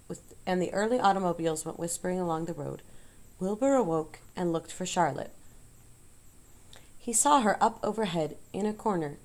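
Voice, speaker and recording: A woman narrating a children's novel aloud in a gentle, measured storytelling manner. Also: fairly low pitch. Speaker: audiobook narrator.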